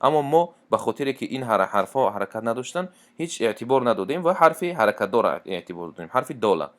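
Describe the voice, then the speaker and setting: A man's voice: mid-range voice, very animated. A man teaching Quran recitation rules, explaining step by step and reciting verse examples. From Tajikistan. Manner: plain explanatory talk, repeats and restarts, then slow drawn-out chanted recitation.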